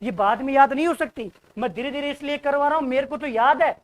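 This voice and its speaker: Speaking fast in a very high-pitched voice, a young adult man delivers an informal exam-prep lecture. He's direct and exhorting, and he repeats his points often.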